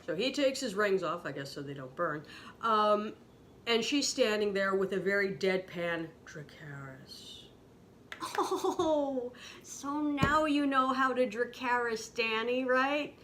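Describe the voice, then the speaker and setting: A woman ranting angrily and sarcastically, swearing freely, her voice jumping up high when she gets outraged. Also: bright, forceful tone. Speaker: podcast host ranting about a TV episode. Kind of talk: angry profane rant.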